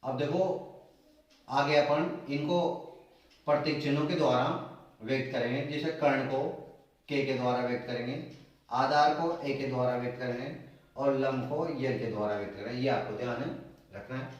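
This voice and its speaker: A man's voice: mid-range voice, steady tone, moderate pace. Echoey distant maths teacher, man. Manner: repeats key terms as questions to students. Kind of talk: blackboard maths lesson.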